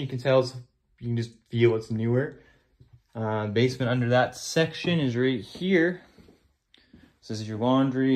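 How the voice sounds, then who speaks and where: A real estate agent, a man, giving a casual walk-through of an old stone basement, talking plainly with fillers as he goes, recorded on a handheld phone. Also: mid-range voice. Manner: relaxed, plain-spoken, thinking aloud with fillers. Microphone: phone camera held by the speaker, moving.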